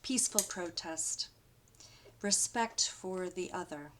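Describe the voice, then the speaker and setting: A woman pastor giving a sermon and reading poetry aloud, in a slow, rhythmic, incantatory delivery built on repeated refrains. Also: lowish voice, noisy background.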